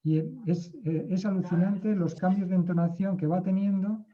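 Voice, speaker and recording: A man's voice: high-pitched, fairly even intonation, moderate pace, dark tone, highs cut off. A man talking in a casual group discussion, hesitant, with many fillers and restarts.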